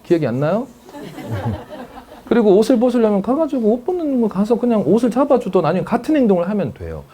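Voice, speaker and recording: A man's voice: high voice, very animated, fast talker, warm tone, a little hiss or hum. A man giving a lecture to parents as a counselor, acting out family dialogues and often checking that the audience follows.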